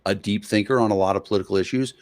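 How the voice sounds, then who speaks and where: A man hosting an interview over a video call, conversational, pausing often with hesitations. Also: on the low side, fairly even intonation, no echo. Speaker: guest host.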